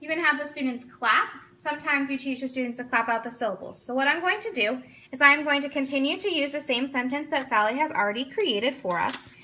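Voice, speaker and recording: Teacher demo: woman, high and bright, explains step by step, coaches a student. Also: brisk, few pauses. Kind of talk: instructional demonstration.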